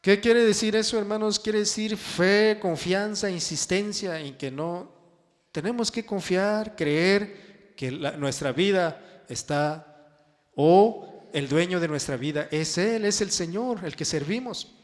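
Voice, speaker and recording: A man preaching a sermon and reading scripture, drawing his phrases out with emphasis and sudden soft drops. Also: high voice, slow. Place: church hall. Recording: long church-hall reverb.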